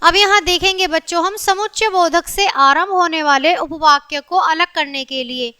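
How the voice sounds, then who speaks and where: A woman teaching a recorded grammar lesson to children, often checking whether they follow and slowing down to stress her examples. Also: very high voice, sharp tone. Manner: addresses children often, checks understanding with repeated questions; slows down and stresses example sentences.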